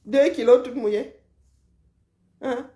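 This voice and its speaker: A woman's voice: on the high side, takes it slowly. Mocking woman. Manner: mocking, lecturing, animated. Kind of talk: casual live rant. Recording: roomy echo.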